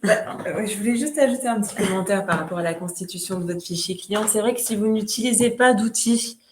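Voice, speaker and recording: A woman co-presenting an online workshop, adding practical advice in a quick, hesitant way with fillers. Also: mid-range voice, slight background noise.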